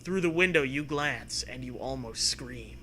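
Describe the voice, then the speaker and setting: Reading a choose-your-own-adventure story aloud as a comedic host, this man's mid-range voice sounds pushed and bright, and he takes his time. His delivery is theatrical, peppered with jokey, profane asides.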